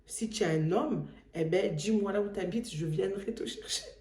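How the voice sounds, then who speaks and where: A man's voice: high voice, moderate pace, darkish tone, roomy sound, close to an everyday voice. A woman acting out her angry, protective husband threatening a caller on the phone, in an insistent, menacing way.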